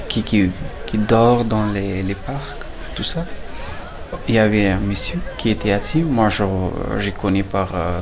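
A man, giving a halting, word-searching documentary testimony. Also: lowish voice, noisy background. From Afghanistan. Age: 30s. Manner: halting, searching for words in French. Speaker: interviewee recounting his migration.

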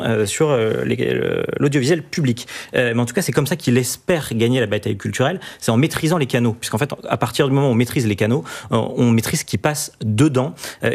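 Fast-talking male radio panelist. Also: medium pitch, creaky. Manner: rapid, dense argument with frequent restarts. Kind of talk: radio debate commentary.

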